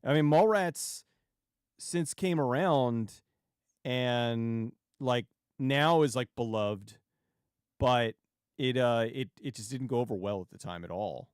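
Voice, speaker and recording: A man hosting a livestream and chatting casually with viewers in a rambling, halting way, often restarting sentences and digressing. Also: medium pitch, clear, resonant tone, no room sound, studio quality. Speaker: YouTube livestream host.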